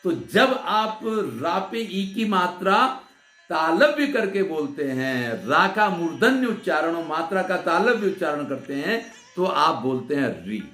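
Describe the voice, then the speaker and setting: Male Sanskrit teacher, slightly high voice, slow patient delivery, roomy echo with faint sitar behind. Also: animated, sharp tone, soft background music. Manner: patient explaining, asks and answers his own questions. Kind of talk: grammar lecture.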